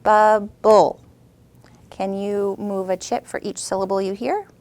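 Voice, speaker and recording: A woman host and teacher who explains a reading skill clearly, then coaches a child with patient, upbeat praise. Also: medium pitch, fairly even intonation, moderate pace, dark tone. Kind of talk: scripted teaching intro and one-on-one demonstration.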